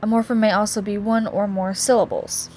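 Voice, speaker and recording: A woman's voice: mid-range voice, flat delivery, fairly quick, darkish tone, slight background noise. A young woman giving a student presentation for a class, casual and full of fillers and restarts. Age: young adult. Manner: casual, with many likes and restarts.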